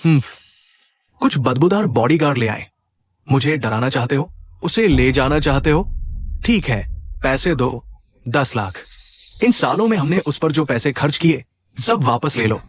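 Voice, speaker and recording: A man's voice: medium pitch, animated, measured pace, long pauses, slight background noise, natural voice. A man voicing a greedy, sneering bully in a dubbed drama, mocking and scornful.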